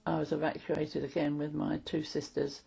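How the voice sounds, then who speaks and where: An old woman in her eighties with a London accent and a husky, gravelly voice, reminiscing casually in a plain, matter-of-fact way. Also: low-pitched, little pitch movement, moderate pace, mellow. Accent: London English. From London, England. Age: 80s. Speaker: interviewee. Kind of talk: casual reminiscence of wartime childhood.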